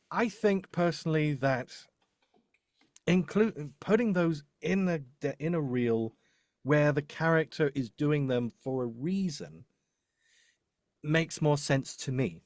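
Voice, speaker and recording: Speaking slowly with a slightly high, slightly mellow voice and lively intonation, this man produces voice-over demos and hosts a live discussion. He gives casual professional advice, frequently correcting himself and repeating phrases, in a dry, studio-quality recording.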